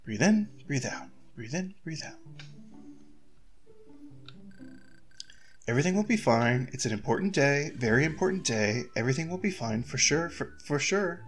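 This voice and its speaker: An anxious young royal heir talking herself down from panic, repeating calming words over and over, as a man reads her lines a little higher than his own voice. She sounds tense and quick, a video-game princess on edge. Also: natural voice. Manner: frets aloud, repeats reassurances to herself. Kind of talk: reading game dialogue aloud.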